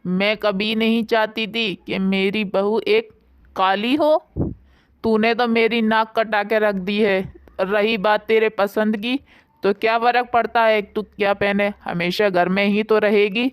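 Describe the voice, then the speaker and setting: A woman's voice: mid-range voice, fairly even intonation, a little slow, clean tone, dry recording, natural voice. A woman voicing a harsh, scolding older mother-in-law in a bedtime storybook. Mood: contemptuous. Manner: contemptuous, later remorseful.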